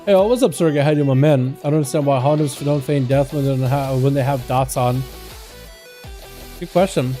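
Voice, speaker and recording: Over soft background music, a young Russian livestream host casts video game duels in casual commentary, chatting with viewers he calls "boys." His medium-pitched voice is warm and fairly quick.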